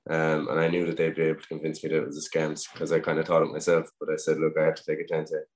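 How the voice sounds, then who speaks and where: A young Irish man in his twenties, a guest footballer telling a story in a casual interview, relaxed and anecdotal with frequent "um" pauses. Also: very deep voice. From Ireland.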